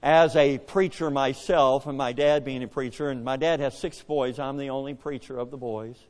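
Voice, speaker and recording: An older man, a pastor, preaching a story-driven sermon, shifting from hushed asides to booming bursts. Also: moderate pace, long reverb tail. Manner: animated, swings from hushed to booming. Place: church.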